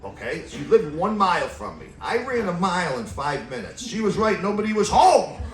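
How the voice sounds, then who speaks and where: A middle-aged man performing a stand-up comedy set on a club stage, delivering deadpan one-liners and chuckling at his own jokes. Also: sits high, moderate pace, noisy background. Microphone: stand mic away from mouth. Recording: roomy club sound from a distance.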